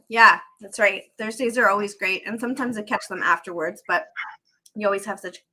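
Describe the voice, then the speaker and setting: A woman's voice: mid-range voice, moderate pace, sharp tone. A woman hosting a live investing stream over a video call, upbeat and chatty, with a slightly scratchy throat. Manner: upbeat, chatty, repeats herself. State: throat irritated, candy in mouth. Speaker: host of a live real-estate investing show. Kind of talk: live-stream host chat.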